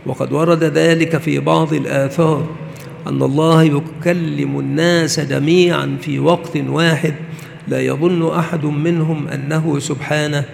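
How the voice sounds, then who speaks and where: A man giving a measured, explanatory religious lesson, slowing down to recite verses. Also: on the high side, fairly even intonation, vocal fry. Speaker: religious teacher. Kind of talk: Islamic study lecture. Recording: reverberant hall with faint background noise.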